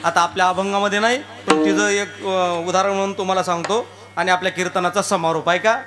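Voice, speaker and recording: A man's voice: high voice, fairly even intonation, a little fast, bright, forceful tone. A man from rural Maharashtra, giving a jokey devotional kirtan sermon and firing rhetorical questions at the crowd. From Beed district, Maharashtra. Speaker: kirtan preacher. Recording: live music clearly behind the voice. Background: tabla and harmonium music.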